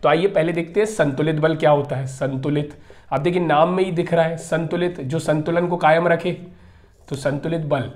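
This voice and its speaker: A man's voice: fairly high pitch, steady tone, moderate pace, a little mellow. A male teacher giving a classroom lecture, explaining through everyday examples and asking his students repeated questions. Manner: calls his viewers "friends" often.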